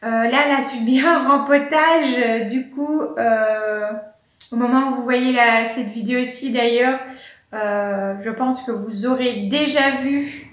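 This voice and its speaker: A plant vlogger chats casually to camera at home, her higher, steady, slightly bright voice moving a bit slowly and sprinkled with little hesitations, fillers and laughs. The room is echoey.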